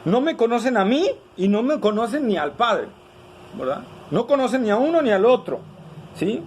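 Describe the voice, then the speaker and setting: A man's voice: very high voice, sing-song, normal speed, darkish tone, a little hiss or hum, low-quality recording. A man preaching a sermon as pastor. He asks the congregation rhetorical questions, tagging many lines with "¿verdad?".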